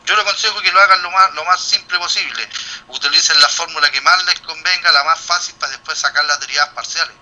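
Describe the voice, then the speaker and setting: A man's voice: on the high side, fast, sharp tone, low-quality recording. A middle-aged man, a lecturer explaining a statistics problem to his students and thinking aloud with restarts and rhetorical questions. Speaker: university lecturer. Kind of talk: classroom explanation.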